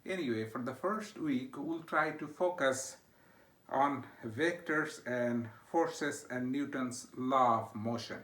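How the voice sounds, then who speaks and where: A middle-aged university instructor with a Bangladeshi accent introduces his course from his home study, speaking in a mid-range, fairly bright voice. He leans on frequent "uh" fillers and checks in with "okay?", and the room sounds echoey.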